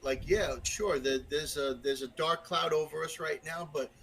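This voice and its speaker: A man's voice: on the high side, steady tone, normal speed, vocal fry, a bit bright, rough recording. A middle-aged man with a Brooklyn New York accent, talking frankly and rambling as a podcast guest, with lots of fillers and restarts. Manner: frank, crass. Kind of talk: casual conversation.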